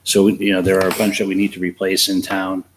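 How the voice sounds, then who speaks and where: Low-voiced man chatting about road signs. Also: completely flat delivery, fast talker, a little hiss or hum, low-quality recording. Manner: chatty, repeats himself with you know. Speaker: town department head presenting. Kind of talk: casual budget explanation.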